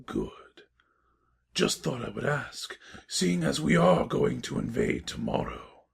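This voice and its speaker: A man voicing a seductive, menacing dark unicorn tyrant king in a fan audio drama, with a gravelly, breathy rasp and a smug manner. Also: mid-range voice, wildly swooping pitch, slow pace, exaggerated voice.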